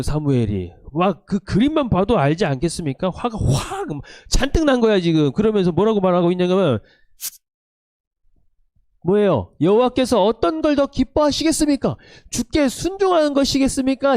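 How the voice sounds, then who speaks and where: Animated man preaching to teens. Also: sits high, dry recording, studio quality. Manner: animated storytelling, acting out quoted lines. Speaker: youth pastor. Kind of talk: sermon to teenagers. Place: church, online service.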